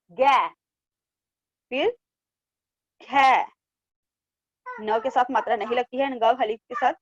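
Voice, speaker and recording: A woman teacher giving an online class to young children, drawing out syllables slowly and repeating each word twice for them to copy. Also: sits high, no room sound, muffled recording. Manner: coaxing, repeats words in pairs. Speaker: primary school teacher. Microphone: online class from home.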